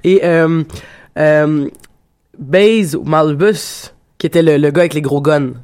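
A man with a Quebec French accent, hosting a casual film discussion podcast and talking haltingly with many restarts and repeated words. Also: fairly high pitch, steady tone, darkish tone, clean tone. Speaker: podcast host.

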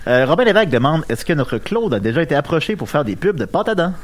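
Lively Quebec man, higher-pitched. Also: quick pace. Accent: Quebec French. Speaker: co-host reading audience questions. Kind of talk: casual comedy interview.

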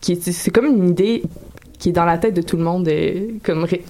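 Quebec woman guest on radio, kinda low voice, explains stuff, lots of umms. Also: normal speed, dark tone, slight background noise. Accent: Quebec French. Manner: explanatory, frequent hesitations. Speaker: guest columnist. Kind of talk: casual radio chat.

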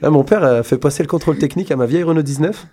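A man's voice: fairly high pitch, very fast, crowd noise. A man from France hosting a casual radio chat, playful and wisecracking as he reads from his notes. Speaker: radio show host.

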